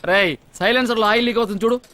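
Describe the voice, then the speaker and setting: An actor playing a glib, scheming sidekick friend who lectures and mocks, in dubbed film dialogue. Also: male voice, sits high, sharp tone, a little hiss or hum. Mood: lecturing. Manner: fast, wisecracking, lecturing tone.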